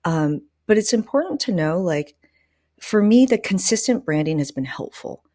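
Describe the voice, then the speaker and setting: In a lowish, warm and animated voice at a moderate pace, a woman hosts a podcast with a casual advice chat. She's candid and conversational, frequently saying "like" and "you know."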